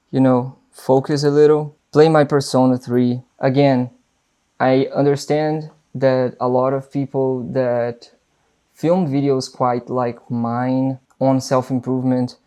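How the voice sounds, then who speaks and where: With a dark-toned, mid-range voice, this young Brazilian vlogger speaks accented English, his second language after Portuguese. He talks to camera off the cuff, rambling casually and often restarting or filling pauses.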